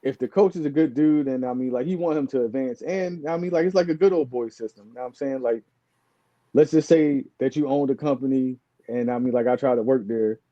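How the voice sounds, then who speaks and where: A man's voice: mid-range voice, a little fast, dark tone, no echo, highs cut off. A man co-hosting a podcast, chatting about football in a slangy way, always saying "dog" and "yo". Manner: slangy, says "dog" and "yo" constantly. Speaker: podcast co-host. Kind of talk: casual sports chat.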